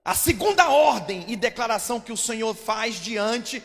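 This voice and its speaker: A man preaching a Pentecostal sermon, swinging from soft asides to shouted declarations. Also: very high-pitched, lively intonation, normal speed, vocal fry. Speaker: pastor. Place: church hall. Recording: long reverb of a church hall.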